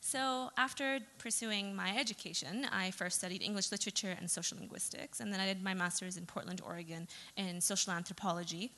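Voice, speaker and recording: A woman's voice: medium pitch, fairly even intonation, fairly quick, hardly any pauses, bright, forceful tone. A young adult woman, a photographer from Saudi Arabia, giving a chatty presentation talk with fillers and self-corrections. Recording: long reverb of a hall.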